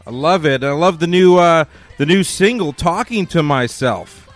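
A man's voice: a little high, animated, normal speed, faint music behind. A man hosting a radio interview, talking in a rambling way full of fillers. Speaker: radio host.

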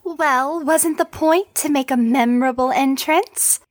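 Casting: stuck-up teen sorceress, high and lively, slow and dry. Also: female voice, dry recording. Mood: haughty. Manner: haughty, dismissive. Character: haughty teenage girl mage, snobbish and showy.

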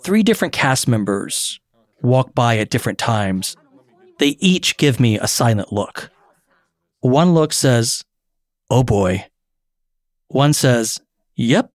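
A man's voice: medium pitch, animated, no room sound. Reflective middle-aged man narrating a memoir. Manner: measured and reflective, sometimes wry. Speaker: podcast narrator and actor.

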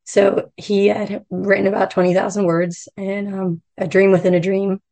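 A woman from the United States with a hoarse, froggy voice, talking casually as a novelist being interviewed. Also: mid-range voice, flat delivery, normal speed, mellow. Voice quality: croaky frog voice.

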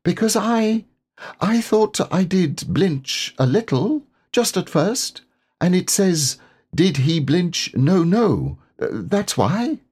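A man voicing a very small, bashful male piglet from a storybook, hesitant and stammering in an eager, small husky voice. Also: high-pitched, sing-song, slow pace, a little mellow, pitched above the performer's own voice, full character voice. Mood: humbly hopeful. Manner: hesitant, stammering with repeated words.

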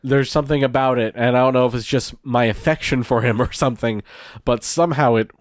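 A man's voice: medium pitch, steady tone, brisk, no room sound. Chatty man, dry close podcast sound. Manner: chatty, laughs often, quotes himself in asides. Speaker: podcast host. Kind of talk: casual podcast chat.

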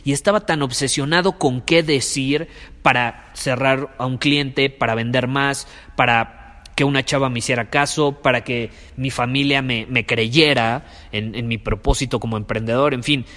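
A man's voice: medium pitch, fairly bright tone. Mexican guy giving a motivational talk, repeats stuff a lot, reverby room. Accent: Mexican Spanish. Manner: emphatic, preachy, repeats key phrases. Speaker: podcast host and sales coach. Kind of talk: motivational monologue.

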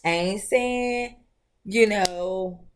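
A woman's voice: medium pitch, very slow, slight background noise. A woman podcast host, telling a personal story in a casual monologue and acting out the voices she quotes. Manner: animated, expressive storyteller who acts out quoted voices.

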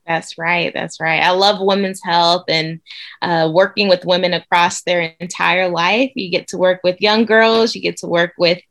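A woman's voice: fairly low pitch, level tone, moderate pace, fairly bright tone. A young adult woman from Nigeria, a doctor guest answering interview questions with upbeat enthusiasm. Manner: enthusiastic, upbeat, frequent fillers.

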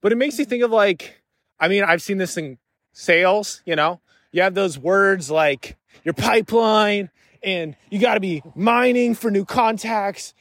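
Solo podcast host, male, higher register, loose rambling delivery, dry close sound. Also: a little slow, a bit bright, no room sound. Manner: rambling, heavy use of filler "like". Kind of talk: casual solo podcast talk.

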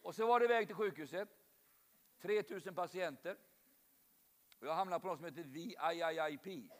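High-voiced Swedish-speaking preacher in a hall. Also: male voice. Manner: storytelling, addresses congregation directly. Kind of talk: sermon.

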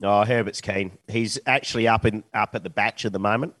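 Man, podcast co-host, somewhat low voice, casual conversation. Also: steady tone, a little fast, a bit bright. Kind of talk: casual chat.

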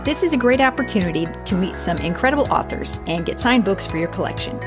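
A woman's voice: mid-range voice, expressive, fast talker, music in the background. A woman hosting a book podcast, reading event details and a sign-off. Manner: warm laughing banter, then scripted announcements. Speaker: podcast host. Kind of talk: casual podcast chat and sign-off.

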